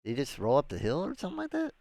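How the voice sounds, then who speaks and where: A man giving live race commentary in a chatty, excitable way that turns analytical. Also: on the high side, racing, vocal fry, no echo. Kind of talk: live sim racing commentary.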